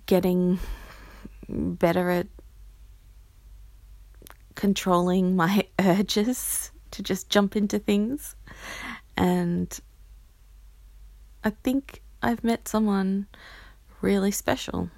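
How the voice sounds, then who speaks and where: Slow, creaky-voiced woman musing aloud. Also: mid-range voice, a little mellow, dry recording. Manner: reflective, halting, with pauses and sighs. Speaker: podcast host. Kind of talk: casual, confessional solo audio diary.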